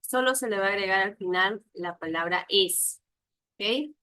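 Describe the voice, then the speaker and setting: A woman teaches an online class, patiently repeating examples and checking that her students follow. Her voice is medium-pitched with a sharp tone at normal speed, recorded roughly but without echo.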